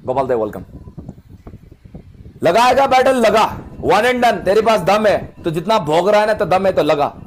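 A man's voice: high-pitched, very animated, unhurried, a little hiss or hum, rough recording. A man livestreaming on a phone, arguing heatedly and cutting in again and again. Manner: argumentative, keeps cutting in and repeating himself. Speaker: livestreamer in a live battle. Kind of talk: heated live argument.

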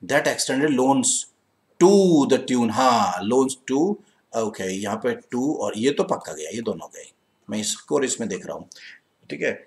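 A man with an Indian accent and a fairly low, creaky voice teaches English grammar for exam prep in a live online class, mixing Hindi and English. He's energetic and coaxing, reads sentences slowly, and murmurs to himself as he checks answers.

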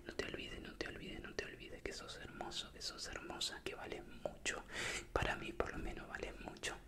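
Young Latin American man whispering a pep talk. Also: normal speed. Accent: Latin American Spanish with voseo. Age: young adult. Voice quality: breathy unvoiced whisper. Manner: soothing, repetitive, encouraging. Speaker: ASMR creator. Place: small indoor room with bare wall. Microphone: desk microphone up close.

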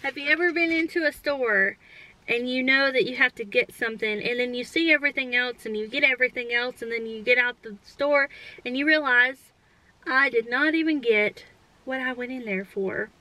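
Here a woman in her thirties, Southern US accent, vlogs about her shopping haul from a parked car with a dashboard camera recording. She's chatty and friendly, addressing everyone as y'all, in a high, bright, forceful voice at a moderate pace. The audio quality is poor.

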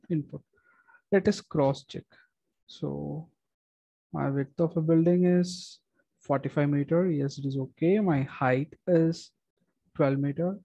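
A young man who is a structural engineer, giving a methodical screen-recorded software walkthrough with frequent fillers and restarts. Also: on the high side, vocal fry, breathy edge, no echo, muffled recording.

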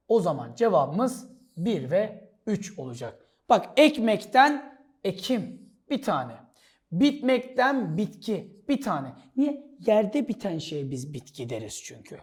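A man teaching a Turkish exam-prep lesson, jokey and playful, calling students "brother" and shouting now and then for fun. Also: extremely high pitch. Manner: playful and jokey, breaks into shouts and sound effects; addresses students as "kardeş". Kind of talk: energetic video lesson solving exam questions.

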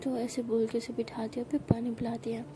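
Woman narrator, high soft whispered role-play storytelling; noticeable background noise. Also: completely flat delivery, fairly quick. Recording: noisy recording.

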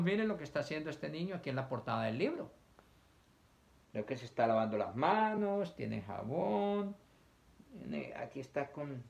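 A man reads a picture book aloud to young children, his pitch rising and falling in lively swings. He talks in a mid-range voice and keeps turning to the class with questions. He acts out sneezes and coughs to show them what to do. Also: creaky. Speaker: teacher.

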